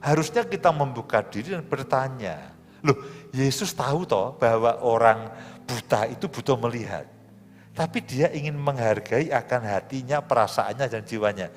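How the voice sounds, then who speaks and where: Lively preacher in a big hall. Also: male voice, medium pitch, moderate pace. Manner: lively, conversational preaching with humor and asides. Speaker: pastor. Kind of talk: sermon. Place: large church hall. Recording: live church stream, hall reverb, soft music.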